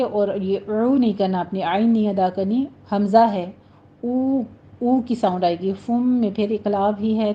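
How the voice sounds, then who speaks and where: A woman teaching a recitation lesson, patiently explaining rules step by step and slowly modelling the words. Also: medium pitch. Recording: slightly muffled recording with faint noise.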